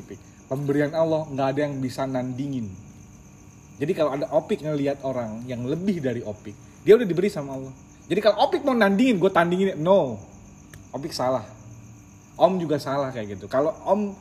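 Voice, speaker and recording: Animated man leading a study group. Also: mid-range voice, a little hiss or hum. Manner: animated, slips in English words, calls listeners by nickname. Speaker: Quran study group leader. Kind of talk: casual religious study talk.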